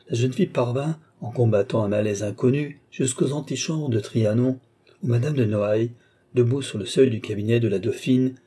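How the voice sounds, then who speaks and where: A man narrating a classic novel as an audiobook in a measured, even storytelling manner. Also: mid-range voice, husky. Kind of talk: scripted narration.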